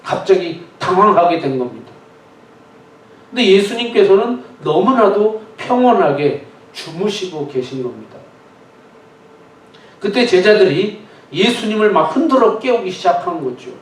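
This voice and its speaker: A male pastor delivers a lively sermon, dramatizing the story as he goes. His voice is fairly high for a man and comes from a distance, ringing through an echoey church sanctuary. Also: unhurried, pauses often.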